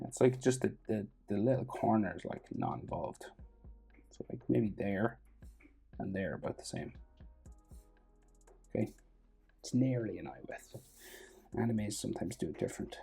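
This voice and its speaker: Casual drawing tutor: husky, low-key mellow tone, halting think-aloud delivery. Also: animated. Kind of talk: casual step-by-step drawing instruction. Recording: background noise and music.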